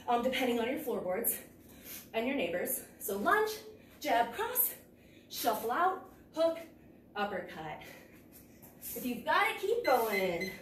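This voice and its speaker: A young woman instructing a kickboxing workout, calling out moves in clipped cues as she exercises. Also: high voice. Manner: physically exerting while talking, in clipped cues. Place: large indoor martial arts gym with mats. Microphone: far camera across the room. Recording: echoey gym, distant mic, noisy.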